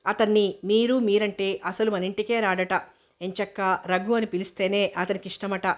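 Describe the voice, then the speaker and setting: A woman voicing an innocent, eager young daughter who chatters on quickly, in an audiobook reading. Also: mid-range voice, flat delivery, close to an everyday voice.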